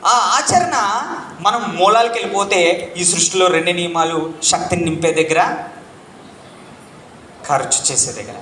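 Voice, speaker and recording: High, bright-voiced male spiritual teacher. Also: expressive, fairly quick, slight background noise. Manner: quizzes the audience, urges loud answers; repeats key points like a chant. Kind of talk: interactive spiritual lecture. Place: room with a live audience. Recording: echoey room.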